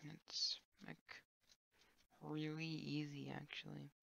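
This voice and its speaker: A woman streaming a sandbox game, thinking aloud in a low-key, wry way with trailing filler words. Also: level tone, takes it slowly, vocal fry, fairly bright tone. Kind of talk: casual gameplay commentary. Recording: dull lo-fi dry mic.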